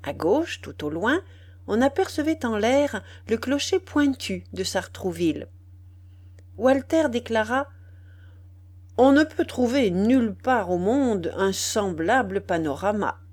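A woman reading a classic novel aloud as scripted narration, measured and calm, giving the dialogue a soft acted touch. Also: fairly high pitch. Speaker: audiobook reader.

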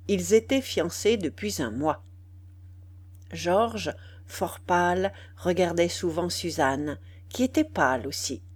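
A woman reading a classic novel aloud as scripted narration, measured and calm, giving the dialogue a soft acted touch. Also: medium pitch. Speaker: audiobook reader.

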